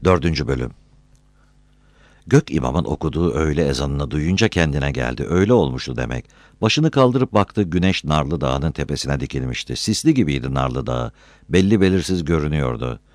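A man reading a novel aloud as an audiobook narrator, with an expressive storytelling delivery. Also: rumbling low, normal speed, no room sound. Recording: dry close recording.

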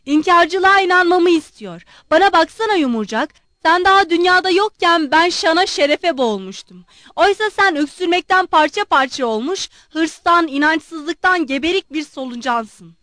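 A woman's voice: high voice, lively intonation, moderate pace, a bit bright, no echo, clean studio sound, voice pushed up. A woman voicing an old retired general, blustering, pompous and roaring in indignant outbursts. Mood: ranting.

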